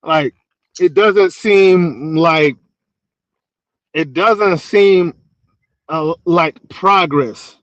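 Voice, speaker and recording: A man co-hosting a casual sports podcast from Houston, talking in a laid-back, slangy way and often trailing off quietly. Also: fairly high pitch, extremely slow, long pauses, no room sound, highs cut off. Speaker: podcast co-host.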